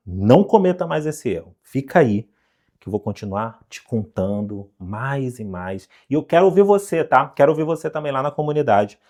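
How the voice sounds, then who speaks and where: Animated Brazilian English teacher. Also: male voice, lowish voice. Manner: animated, coaxing, rhetorical questions. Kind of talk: online lesson to camera.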